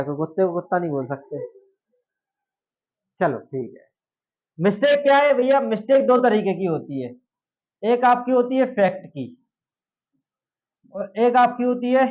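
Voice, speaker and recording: A man's voice: high-pitched, sing-song, measured pace, long pauses, a little mellow. A male law teacher giving a classroom lecture, chatty and jokey, often asking his students questions. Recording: dull lo-fi classroom recording.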